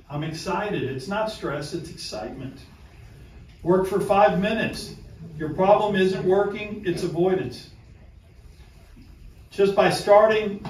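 An emphatic man leads a self-help lesson and drives each point home by repeating it. His voice sits high for a man. He sounds far from the mic, in a very echoey room with a faint hiss underneath. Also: darkish tone. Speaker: presenter. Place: room with a small live audience.

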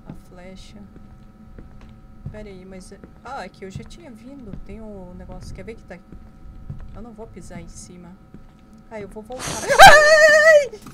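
A woman's voice: medium pitch, heavy background noise. A woman with a Brazilian Portuguese accent giving live commentary on a horror game, jumpy, with shrieks and nervous self-talk. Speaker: streamer. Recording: game sounds behind her voice.

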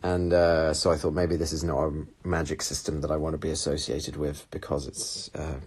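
With a bass voice that barely moves in pitch, a young man from England talks at a moderate pace, his tone darkish and a little rough. He's hosting a casual livestream from a small room, seated on a red sofa with his phone at arm's length, animatedly reading and answering viewer comments.

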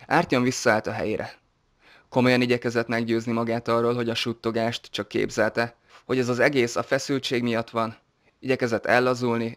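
A man narrating an audiobook in a steady, even reading voice. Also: medium pitch.

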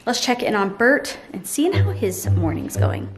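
A woman's voice: fairly high pitch, very animated, a little slow, music in the background. A woman in her thirties talking casually as a vlog host, to a camera held at arm's length indoors. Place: large open living room.

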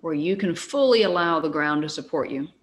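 A middle-aged woman guiding a yoga relaxation in soft, gentle, unhurried instructions with long pauses. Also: low voice, lively intonation. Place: large high-ceilinged home living room studio. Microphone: webcam at a distance. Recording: echoey room, faint hiss from webcam.

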